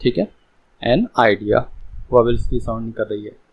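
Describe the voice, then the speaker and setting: A man teaching English grammar in a lesson, explaining slowly and repeating each example. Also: mid-range voice, animated, dull audio.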